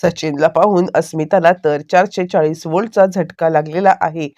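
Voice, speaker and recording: A woman's voice: low voice, steady tone, moderate pace, a little mellow. A woman narrating a TV serial recap casually, with fillers and self-corrections.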